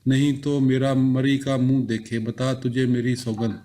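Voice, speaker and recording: A man reading a novel aloud, voicing a lively village woman who speaks in a teasing, exclamatory way. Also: medium pitch, measured pace, close to an everyday voice.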